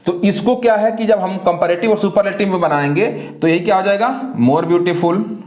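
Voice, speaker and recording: A man teaching an English grammar lesson, who asks questions and answers them himself, slow and deliberate, often spelling words letter by letter. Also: high-pitched, darkish tone, roomy sound. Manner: slow and deliberate, repeats filler phrases.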